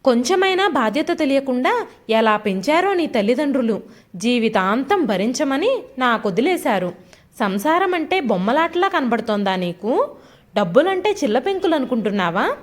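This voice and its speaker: A woman's voice: high-pitched, big pitch swings, moderate pace. A woman voicing a middle-aged husband who scolds and mocks his wife with contempt, in a storybook reading. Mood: angry. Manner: mocking, contemptuous. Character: scornful shouting male husband, middle-aged.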